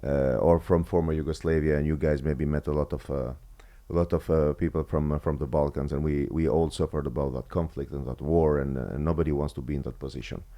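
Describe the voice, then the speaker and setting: In a relaxed interview, this Kosovar ex-footballer speaks with an Albanian accent in a rumbling low, mellow voice with fairly even intonation. He stops and starts often, peppering his answers with fillers.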